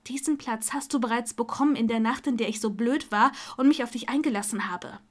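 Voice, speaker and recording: A woman's voice: a little high, brisk, lightly acted. A woman voicing an exasperated young witch in an audiobook, speaking in a snappy, indignant way. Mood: irritated. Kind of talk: audiobook character voice.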